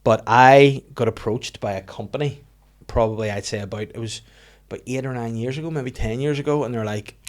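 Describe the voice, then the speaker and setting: On a casual podcast, a Northern Irish comedian guest rambles, jokes and swears. He speaks fairly quickly at a medium pitch.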